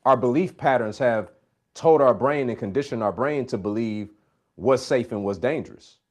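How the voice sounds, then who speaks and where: Hosting a live Q&A, this man delivers faith-based coaching in an emphatic, preacherly manner and keeps repeating his key phrases. His voice is mid-range and his pace normal.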